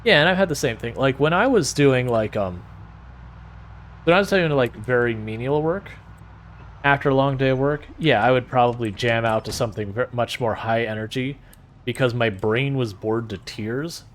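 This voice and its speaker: In a mid-range voice at normal speed, a male game streamer chats casually with viewers. He sounds soothing and relaxed, rambles, and often restarts his sentences.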